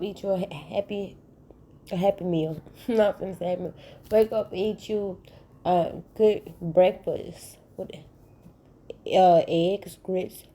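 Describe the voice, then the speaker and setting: Sleepy, mellow-voiced woman chatting. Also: mid-range voice, slight background noise. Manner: sleepy, yawning, relaxed and rambling; affectionate toward viewers. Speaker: channel host. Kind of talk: casual morning chat to viewers.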